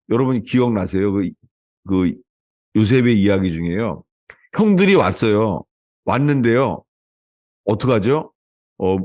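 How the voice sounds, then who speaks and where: Male pastor, sermon; animated delivery, questions the congregation, dry recording. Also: medium pitch, no echo. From South Korea. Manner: asks the congregation questions, acts out quoted lines.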